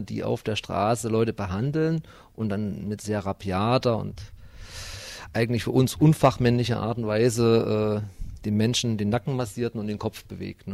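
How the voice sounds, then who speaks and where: A middle-aged man who leads a cultural exchange association, answering interview questions in a measured, explaining way with some hesitations. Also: lowish voice, vocal fry, darkish tone, no room sound.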